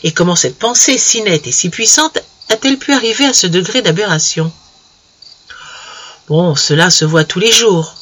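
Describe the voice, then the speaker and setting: A man narrating a classic literary story in a measured, expressive reading style. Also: high voice, a little hiss or hum. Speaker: audiobook reader.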